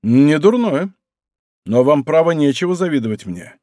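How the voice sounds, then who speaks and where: A man voicing a bold, teasing musketeer captain who talks in a brisk, rough-affectionate way. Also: fairly high pitch, very animated, warm tone, no echo, clean studio sound. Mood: bantering.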